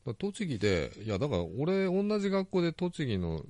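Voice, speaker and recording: A man co-hosting a podcast in casual chat, relaxed, laughing often, dropping into low murmured asides. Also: normal speed, dry recording. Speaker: podcast co-host.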